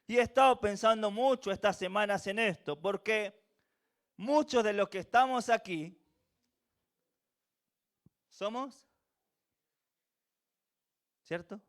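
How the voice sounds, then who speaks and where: A Venezuelan man whose accent carries a slight Chilean tinge preaches a sermon in church, his voice high-pitched and slow with long pauses. He uses earnest repetition and rhetorical questions.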